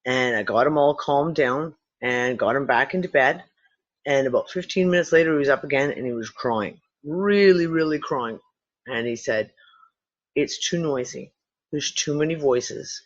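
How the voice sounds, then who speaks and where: A host chatting casually on a livestream, rambling and swearing as she tells animated stories. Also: a bass voice, moderate pace, highs cut off. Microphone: computer mic on a video call.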